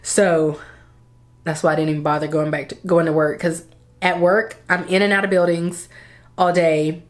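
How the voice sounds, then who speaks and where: Speaking at a moderate pace with a fairly low, fairly flat pitch, a woman in her thirties talks casually to camera for her vlog. Congested and stuffy, she rambles along between sighs and coughs.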